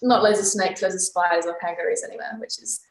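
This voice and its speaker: A woman's voice: fairly low pitch, fairly even intonation, fast talker, gravelly, reverberant, background noise. A young woman with an East Midlands English accent chatting over a video call, laughing often with many ums. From England, East Midlands. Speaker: footballer, guest. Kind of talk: casual chat on a video call.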